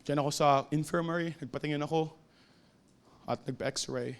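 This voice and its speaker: A man with a Filipino accent preaching a sermon in a church, swinging between shouted exhortation and low, quiet storytelling. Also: steady tone, moderate pace. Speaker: pastor. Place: church sanctuary.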